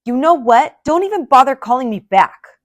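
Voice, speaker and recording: A woman's voice: high-pitched, expressive, moderate pace, pitched above the performer's own voice. A woman voicing a grumpy, sour little male grape for a storybook, indignant and exclamatory, full of grudges. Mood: snappy, indignant.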